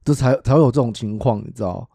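A speaker chatting casually, reacting to a friend's stories with quick, teasing remarks. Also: medium pitch, dark tone, dry recording, studio quality.

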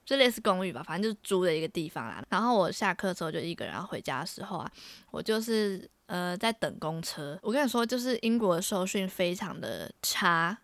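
A woman's voice: on the low side, fairly quick, no echo. A young woman from Taiwan, co-hosting a podcast and telling casual stories with many restarts. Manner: animated, laughing often, with many restarts. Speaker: podcast co-host. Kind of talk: casual storytelling chat.

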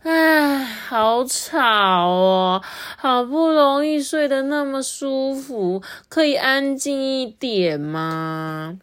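A woman doing a lazy young earthworm, high and whiny. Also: lively intonation, drawn-out words, hardly any pauses, fairly bright tone, heavily acted. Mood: sleepy, annoyed. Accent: Taiwanese Mandarin.

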